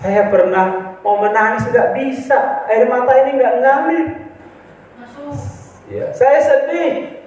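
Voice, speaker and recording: High-voiced man preaching in an echoey hall. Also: takes it slowly, distant mic. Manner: impassioned, swings between hushed and fervent; addresses listeners as brothers. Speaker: pastor. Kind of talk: sermon. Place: church hall.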